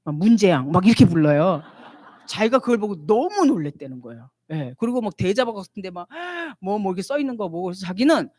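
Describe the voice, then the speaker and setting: Lady missionary teaching at a church retreat, very animated, asks questions then answers them, dry sound. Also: mid-range voice, fast, no echo. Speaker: missionary lecturer.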